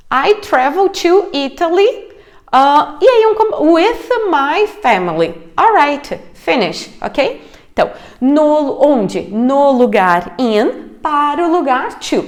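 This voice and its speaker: A woman whose first language is Portuguese teaches English grammar on video. Her voice sits high and moves a lot between notes, and she takes her time. She tosses in English check-ins between explanations and draws out the example words. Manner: lively, frequent English check-ins like ok and alright; drawn-out, slowed model pronunciations.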